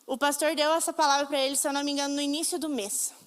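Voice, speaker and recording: A woman's voice: high voice, level tone, very fast. A Brazilian woman preaching a sermon, telling stories emphatically and acting out the voices she quotes. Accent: Brazilian Portuguese. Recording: long reverb of a hall.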